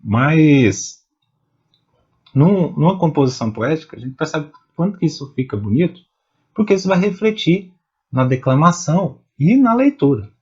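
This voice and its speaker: A man teaches poetry at a very unhurried pace, breaking words into syllables one by one. His voice is a little husky and sits at an ordinary pitch. The recording sounds dull and lo-fi. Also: a little mellow. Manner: slow, patient, spelling out syllables one at a time. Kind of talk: explaining step by step.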